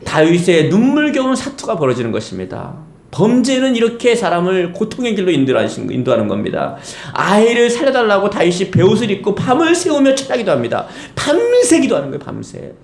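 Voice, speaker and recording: An emphatic male pastor preaches a Sunday sermon and keeps asking the congregation rhetorical questions. His fairly high voice swings widely in pitch. It echoes around the church sanctuary. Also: wildly swooping pitch, fairly quick, hardly any pauses, darkish tone.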